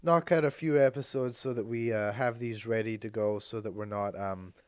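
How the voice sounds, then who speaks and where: Hoarse from illness and losing his voice, a man co-hosts a casual chat podcast, speaking in a lowish voice at a moderate pace with no echo. He meanders and hesitates, often going back to correct himself.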